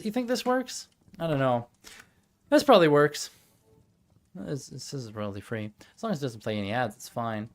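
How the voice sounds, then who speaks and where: A young man streams live with music playing behind him, chatting casually and muttering to himself while he fiddles with his setup. His voice is medium-pitched and clean, and his talk rambles.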